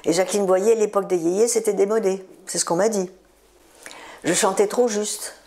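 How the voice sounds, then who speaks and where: A woman's voice: mid-range voice, steady tone, normal speed, gravelly, mellow. A woman in her seventies, a singer, telling stories in a chatty interview, repeating words for emphasis. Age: 70s. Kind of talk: relaxed interview storytelling.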